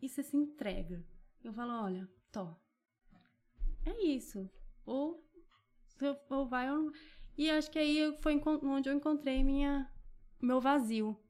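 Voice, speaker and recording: A woman's voice: high voice, a little slow, long pauses, a little mellow. A woman with a Brazilian Portuguese accent in casual conversation, speaking earnestly and reflectively, often quoting her own thoughts and agreeing with "sim".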